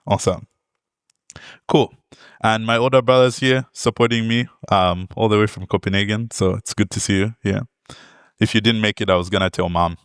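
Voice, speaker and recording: Speaking at a moderate pace in a steady, clear, resonant voice on the low side, a young man from Zambia presents at a tech conference as a product manager. He's friendly, jokes lightly and says um and uh a lot, and the conference hall recording is dry and studio quality.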